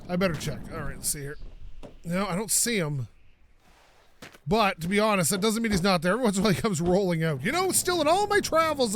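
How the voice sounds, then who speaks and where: A North American man hosts a let's-play video, chatting, joking and wandering into rambling asides as he plays, all while sniffling from a cold. His voice is high with a fairly bright tone.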